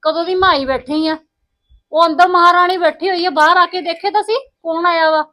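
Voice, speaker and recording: A woman's voice: very high-pitched, normal speed, sharp tone. A woman playing a proud married sister visiting her brother's home, haughty and complaining in a family skit. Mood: indignant.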